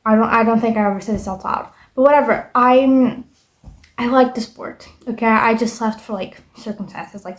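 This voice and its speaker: A woman's voice: a little high, darkish tone. A young woman vlogging in a casual, rambling monologue, bitter and full of swearing. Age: young adult.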